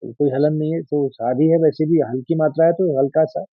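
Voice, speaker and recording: A man teaching the recitation of a scripture verse line by line: he chants each line slowly and loudly, then explains the pronunciation quickly and quietly. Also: on the high side, fairly even intonation, no echo. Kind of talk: recitation lesson. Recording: dry, dull lo-fi home recording.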